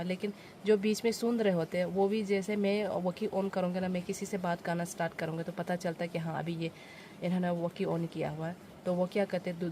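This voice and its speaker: There's a touch of background noise as a young woman with a Northeast Indian accent, from Arunachal Pradesh, narrates her village vlog. Her lowish voice has a warm tone, and she explains village life simply and chattily.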